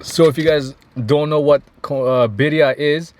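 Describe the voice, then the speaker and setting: A man's voice: fairly high pitch, fairly even intonation, normal speed, darkish tone. A young man from Canada chatting enthusiastically to his viewers in a casual mukbang vlog, recorded on a phone in a car. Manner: chatty, enthusiastic, addresses viewers as you guys. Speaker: food vlogger. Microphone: phone camera.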